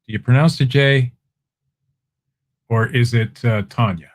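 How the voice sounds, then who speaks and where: A man's voice: mid-range voice, unhurried. A man running a casual live-stream auction, chatting with viewers as he shows items and calls bids. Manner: chatty, relaxed, talks to viewers in chat.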